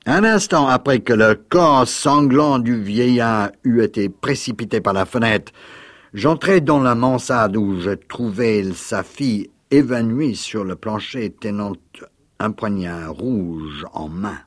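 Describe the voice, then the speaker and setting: A sly, oily male servant from a read-aloud story, as a man puts him on. He speaks up loud and insistent over a low, unhurried base voice. The sound is close and dry. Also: dry recording. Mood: smug, insistent. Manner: raised, insistent delivery.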